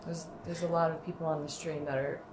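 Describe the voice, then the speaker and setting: A woman with a lowish voice reads stream messages aloud in a flat, steady way. The room echoes and faint noise sits behind her. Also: brisk. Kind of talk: reading chat messages aloud.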